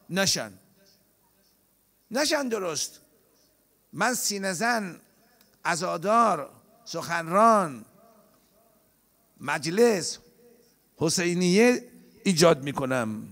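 A man delivers a sermon with a gravelly edge to his voice. His pitch rises and falls dramatically as he moves between slow, chanted scripture and brisk explanation. He often pauses to put questions to his congregation. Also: sing-song, fairly bright tone. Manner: quotes Arabic scripture in a slow chant, then explains in quick conversational Persian. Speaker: preacher. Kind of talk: religious sermon.

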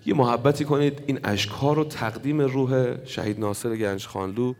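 A man's voice: mid-range voice, darkish tone, slight background noise. A man delivering an emotional storytelling sermon at a mourning gathering, retelling a story with quoted dialogue and building to impassioned intensity. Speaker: religious speaker at a mourning gathering. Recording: long hall reverb.

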